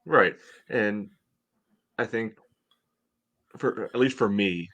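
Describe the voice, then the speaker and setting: Calling in from home via his computer, this middle-aged American podcast co-host talks sports in a relaxed, analytical way. He speaks slowly, his lowish voice a bit bright.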